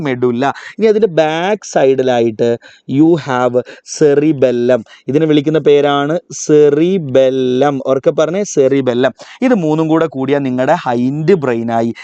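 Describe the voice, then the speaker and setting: A man teaching a live online biology revision class with a Malayali accent, calling on students to repeat terms aloud and spelling key words out slowly. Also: on the high side, warm tone, smooth, no room sound, highs cut off.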